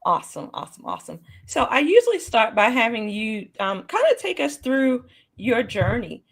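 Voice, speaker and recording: Excitable woman podcast host. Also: on the high side, normal speed, vocal fry. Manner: warm, excitable, repeats words. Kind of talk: casual interview hosting.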